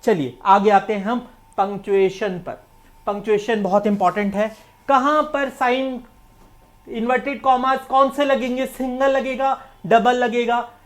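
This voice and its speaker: A woman's voice: a little high, steady tone, unhurried. A woman with an Indian accent giving an exam-prep English grammar lecture, explaining step by step and mixing English terms into Hindi. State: coughing, needs water. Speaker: English teacher.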